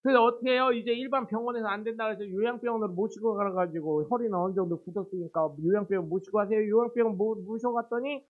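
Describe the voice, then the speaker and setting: Male pastor, high voice, sermon storytelling with rhetorical questions, tinny lo-fi sound. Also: quick pace, hardly any pauses. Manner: acts out quoted characters in dialect. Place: church sanctuary.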